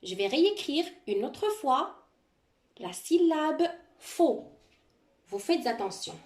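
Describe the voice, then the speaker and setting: A woman's voice: high-pitched, sing-song, darkish tone. A woman teacher giving a handwriting lesson, explaining each stroke patiently, step by step. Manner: slow, patient step-by-step instruction.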